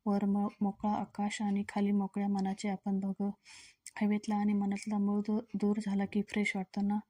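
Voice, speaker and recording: Woman reading a shy gentle young husband. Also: mid-range voice, completely flat delivery, normal speed, dry recording, clean studio sound, natural voice. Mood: fond.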